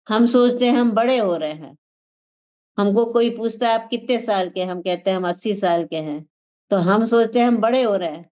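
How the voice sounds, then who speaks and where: A woman's voice: medium pitch, a little mellow. A woman teaching a religious class, giving a spiritual discourse in an earnest, repetitive teaching cadence. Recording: dull lo-fi sound.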